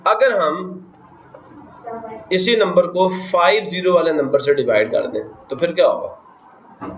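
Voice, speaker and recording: A man from Pakistan with a slightly high voice gives an unhurried classroom math lecture, often asking students questions and counting places aloud. The recording has an echoey classroom sound, dull lo-fi quality, and a little hiss or hum.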